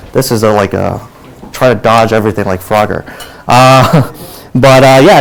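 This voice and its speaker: A man with a medium-pitched voice delivers a tech lightning talk. He sounds rushed but informal, speaking in loose, colloquial phrases. He often tags his points with a quick "right?" as a presenter at a meetup would. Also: rough recording. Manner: rushed, keeping it high level.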